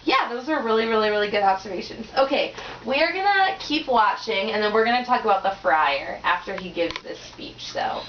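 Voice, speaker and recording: A woman's voice: fairly high pitch, expressive, fairly quick, few pauses, fairly bright tone, slight background noise. A young woman tutoring, chatty and encouraging, with many likes and ums. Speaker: tutor leading a discussion. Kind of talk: casual teaching conversation. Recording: roomy dull lo-fi recording.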